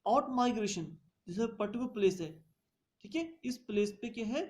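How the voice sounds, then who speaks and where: A woman's voice: on the high side, expressive, a little fast. A woman teaching a revision lecture, reading points out in English and explaining them in Hindi.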